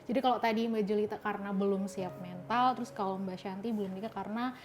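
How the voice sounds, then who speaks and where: A woman with an Indonesian accent hosting a panel talk, calm and measured as she prompts her guests. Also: mid-range voice, faint music behind. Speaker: host.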